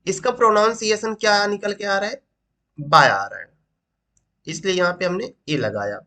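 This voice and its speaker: A man's voice: sits high, normal speed, pushed and bright. A man teaching an English grammar lesson, asking rhetorical questions and repeating each point as he explains. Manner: asks rhetorical questions, repeats points, says "ठीक" often.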